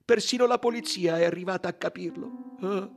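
A man voicing a loud, defensive Italian chauffeur in an audiobook, blustering and emphatic. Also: mid-range voice, very animated, soft background music, pitched above the performer's own voice. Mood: tender. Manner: blustering, emphatic, quick to protest. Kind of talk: audiobook character reading.

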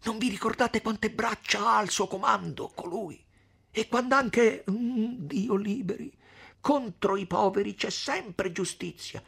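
A man's voice: high-pitched, unhurried, gravelly, a bit bright, husky, pitched above the performer's own voice, full character voice. A man voicing an anxious older mother in a storybook reading, fretting and scolding in a raised voice.

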